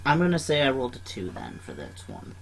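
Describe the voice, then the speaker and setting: A man's voice: mid-range voice, wildly swooping pitch, a little fast, creaky, fairly bright tone, slightly rough. A man running a tabletop game in casual chat, often hesitating and fumbling with numbers.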